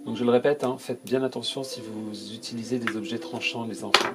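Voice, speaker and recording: A brisk, steady, medium-pitched male voice competes with loud music. The speaker is a toy unboxing YouTuber with a stuffy cold, casually and hesitantly describing each item for his channel with lots of fillers.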